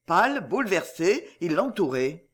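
A male narrator reads a classic novel in a dramatic, expressive way. His voice sits high and moves widely in pitch. The delivery is steady and theatrical. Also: normal speed.

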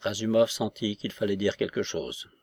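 A man reading a novel aloud in an even, measured narration. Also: fairly low pitch, slightly rough, no room sound, studio quality. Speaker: audiobook narrator. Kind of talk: scripted literary narration.

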